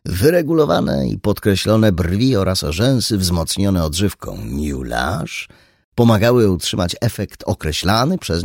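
A man narrating an audiobook in an expressive, dramatic reading style. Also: low voice, vocal fry, breathy edge, dry recording, clean studio sound. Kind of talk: scripted narration.

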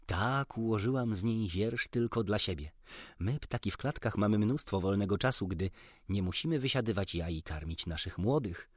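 A man voicing a proud, sharp-tongued female canary in an audiobook, speaking indignantly and briskly. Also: fairly low pitch, animated, dry recording, clean studio sound. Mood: calm. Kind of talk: audiobook character reading.

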